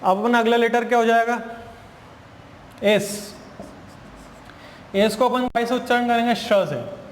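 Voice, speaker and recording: A high-voiced male teacher explains a spoken English grammar lesson in Hindi, patiently repeating each point and answering his own questions. The recording has a long echoing reverb with faint hiss underneath.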